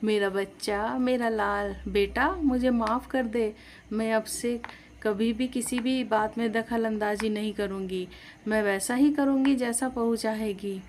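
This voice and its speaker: A woman's voice: a little high, fairly even intonation, measured pace, darkish tone, slight background noise, close to an everyday voice. Woman playing a stubborn old-fashioned mother-in-law. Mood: pleading. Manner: complaining, insistent. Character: stubborn traditional middle-aged mother-in-law.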